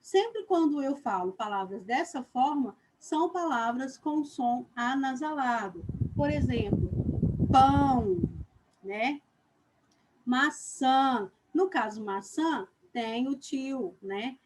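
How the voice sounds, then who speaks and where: A woman with a Brazilian Portuguese accent teaching young children in a live online lesson. She speaks slowly and deliberately, stretches her words, and checks in often with "ok?". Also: high-pitched, animated, darkish tone, low-quality recording. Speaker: primary school teacher.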